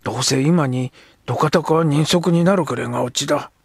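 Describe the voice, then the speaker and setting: A man voicing a rough, sulky young Edo street boy who talks in coarse slang. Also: on the high side, moderate pace, dry recording, studio quality. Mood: sulky, gruff. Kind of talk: audiobook character voice.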